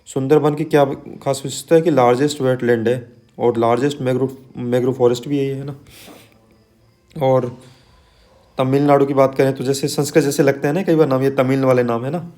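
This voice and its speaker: Mellow-voiced man teaching exam lists. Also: medium pitch, steady tone. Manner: conversational, frequent "है ना" and "ठीक है" tags; reads place lists slowly, one item at a time. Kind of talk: exam-prep lesson.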